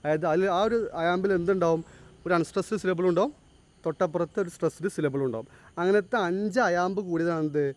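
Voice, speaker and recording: A male teacher giving a classroom lecture, explaining step by step, quizzing his students and reading English lines slowly and deliberately. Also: high voice. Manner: explains, then asks the class to answer.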